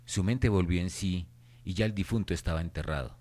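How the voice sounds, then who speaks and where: A man with a low voice serves as narrator of a radio horror drama. He reads the scripted story as third-person narration. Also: a little fast, darkish tone.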